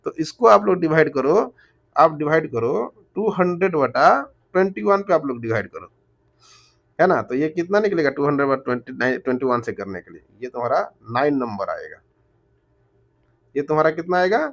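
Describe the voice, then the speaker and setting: Man, slightly high voice, slow repetitive math tutor with rhetorical questions. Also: big pitch swings, gravelly. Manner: switches between Hindi and English terms. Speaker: math teacher. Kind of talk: explaining math problems step by step.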